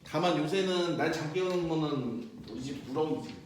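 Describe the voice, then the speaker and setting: A young male physics teacher lecturing with loud, slangy jokes and animated storytelling, recorded by a distant mic in a classroom. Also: a little high, moderate pace, slight background noise. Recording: very echoey room, mic far off.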